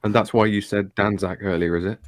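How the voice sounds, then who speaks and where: A man's voice: on the low side, fairly even intonation, a little fast, no echo. A man co-hosting a live gaming podcast, joking and bantering with his friends. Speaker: podcast co-host. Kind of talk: casual chat.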